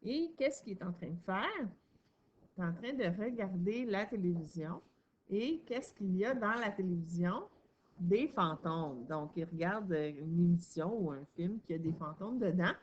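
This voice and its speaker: A woman's voice: on the low side, animated, measured pace, muffled recording. A woman teaching a young child to read, patient and encouraging, stressing each sound and syllable. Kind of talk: reading lesson for a young child.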